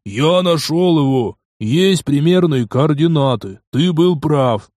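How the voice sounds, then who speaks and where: A man voicing a fat, brutish male gang thug in an audiobook, loud and jeering with a coarse manner. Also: on the high side, lively intonation, slow pace, no room sound, studio quality. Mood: gloating. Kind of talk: audiobook character voice.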